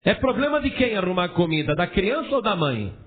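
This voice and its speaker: Male pastor, animated sermon full of rhetorical questions, higher voice with lots of swing, tinny phone-like audio. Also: fairly quick, slight background noise.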